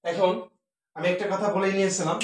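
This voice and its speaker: Man, Bangladeshi Bengali accent, teacher, slow explaining, very roomy echo. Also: high-pitched, flat delivery, a little hiss or hum. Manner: explains slowly, fillers, counts out syllables one by one. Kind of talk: lecture on poetic meter. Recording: very echoey room, distant mic.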